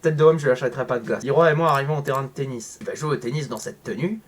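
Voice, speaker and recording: A man's voice: mid-range voice, racing. A man playing a visual novel, reading its lines aloud and breaking off into sarcastic commentary. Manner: sarcastic, jumps between flat reading and loud outbursts. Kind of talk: casual let's-play commentary and reading. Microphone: home microphone.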